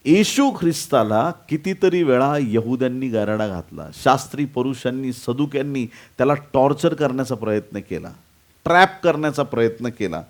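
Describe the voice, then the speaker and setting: Man, pastor, sermon, mid pitch, soft asides to loud impassioned cries. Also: expressive, normal speed. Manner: preaching with big swings from soft to shouting.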